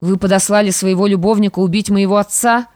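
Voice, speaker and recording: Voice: medium pitch, steady tone, fast talker, a little mellow, dry recording, close to an everyday voice. Reader doing a firm, indignant young woman in an audiobook, close and dry. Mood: stern, indignant. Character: young woman, proud and stern, forgiving.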